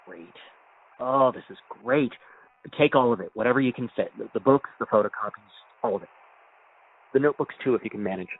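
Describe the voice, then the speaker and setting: A man's voice: mid-range voice, brisk, pauses often. Eager man on a tinny phone line, acted. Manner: excitable, coaxing. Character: eager, pushy man directing a break-in by phone. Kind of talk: audio drama phone dialogue.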